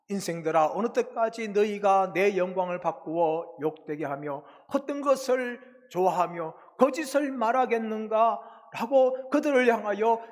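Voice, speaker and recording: Man, pastor, high voice, early morning sermon, rhetorical questions, weighty scripture reading, long church reverb. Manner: asks the listeners rhetorical questions; reads scripture slowly and with weight. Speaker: senior pastor.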